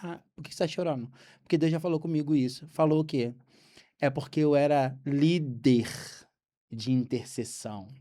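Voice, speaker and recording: A Brazilian man, a podcast guest, telling a faith story with lively acted-out dialogue. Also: on the high side, moderate pace. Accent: Brazilian Portuguese. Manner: animated storyteller acting out dialogue. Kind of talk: storytelling testimony.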